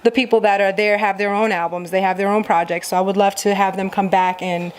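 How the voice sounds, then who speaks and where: A young woman from Jamaica, her accent softened toward an American sound, answers questions in a casual interview. She talks quickly and with energy, restarting phrases and filling pauses as she goes. Her pitch sits in the middle range. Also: slight background noise. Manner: animated, quick restarts and fillers. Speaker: musician and interview guest.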